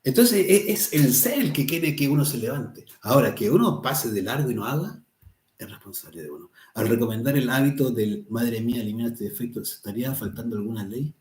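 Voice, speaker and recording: A man's voice: mid-range voice, expressive, brisk, a little mellow, reverberant. A man teaching a spiritual lesson, talking conversationally, often tagging "¿cierto?" and quoting people. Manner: conversational, tags "¿cierto?" often, quotes people in little voices. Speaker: course teacher. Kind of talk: spiritual lesson answering a student.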